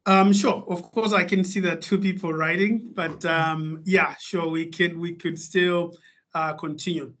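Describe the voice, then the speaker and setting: A man's voice: on the high side, steady tone, measured pace, fairly bright tone. Hesitant man from Malawi on a webinar. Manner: hesitant, many fillers and restarts. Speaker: guest speaker. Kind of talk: webinar presentation. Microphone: video call.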